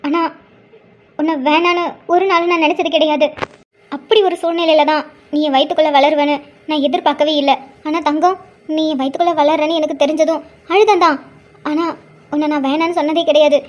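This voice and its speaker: A woman's voice: high-pitched, natural voice. A woman voicing a hurt young mother who speaks emotionally and tearfully but stands firm. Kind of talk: cartoon drama voice acting.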